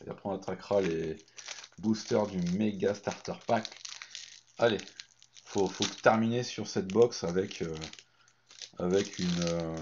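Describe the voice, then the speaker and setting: A hoarse man chatting excitedly through a card pack opening, hesitating often between remarks. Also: low-pitched, a little hiss or hum. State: hoarse, lost voice from shouting. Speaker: card collecting YouTuber. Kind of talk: unboxing commentary. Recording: dull lo-fi recording.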